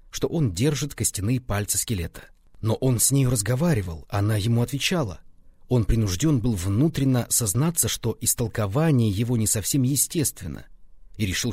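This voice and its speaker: A man narrating a classic story in a measured, expressive audiobook reading. His voice is husky and lively in pitch, recorded close and dry with no room sound. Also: no echo.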